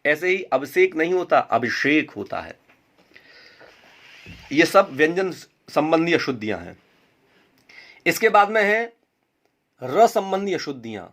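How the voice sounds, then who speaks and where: A man's voice: fairly high pitch, big pitch swings, measured pace, pauses often, fairly bright tone. A man teaching a Hindi grammar lesson, repeating words and asking and answering his own questions. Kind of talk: classroom lesson.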